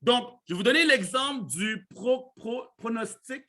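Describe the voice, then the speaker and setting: Male live-training host, mixed in, high bright voice, casual motivational delivery. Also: unhurried. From Canada. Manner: animated, repeats himself, mixes in English words.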